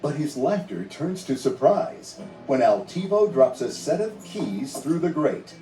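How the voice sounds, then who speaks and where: A man narrates a children's read-along story in a dramatic, scripted storytelling style. His voice is slightly high, very animated, and somewhat slow, with a dark tone. The recording sounds roomy and distant, with music underneath.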